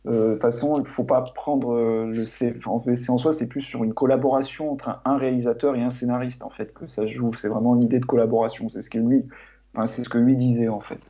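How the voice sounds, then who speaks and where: A man taking part in a casual film podcast, speaking in a halting way. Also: mid-range voice, level tone, warm tone, lo-fi sound. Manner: halting, piles up fillers. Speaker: podcast guest.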